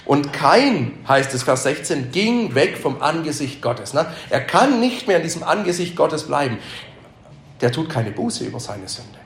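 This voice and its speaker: Lively male Bible teacher in echoey room. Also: a little high, a little slow. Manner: keeps asking the group questions, repeats their answers; emphatic repetitions. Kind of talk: interactive Bible lesson. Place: room with a live group.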